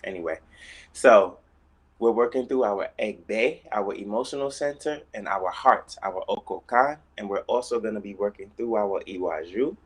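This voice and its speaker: A man leading a live-streamed guided breathing class, calm and coaxing, checking in often with "okay?" and "all right?". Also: lowish voice. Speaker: breathwork instructor.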